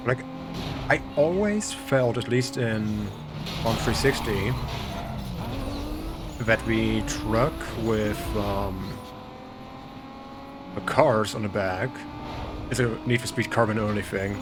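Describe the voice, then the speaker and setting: A lowish male voice with a light German accent, slow and full of pauses, chats casually while streaming a racing game, with music playing in the background. He keeps it relaxed, greeting and thanking his viewers. Racing engines and traffic from the game are loud behind him.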